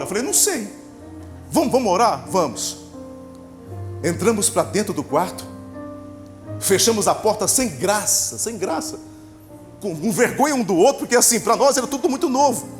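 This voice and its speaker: A man, a pastor preaching a sermon and telling his testimony dramatically, acting out dialogue and rising to shouts. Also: sits high. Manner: emotional, dramatic storytelling with acted dialogue, swelling to shouts.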